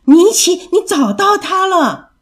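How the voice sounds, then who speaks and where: A woman's voice: high voice, lively intonation, normal speed, warm tone, voice pushed up. A woman voicing an anxious, tender little rabbit child in a storybook reading, with a pleading, tearful child's voice. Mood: excited.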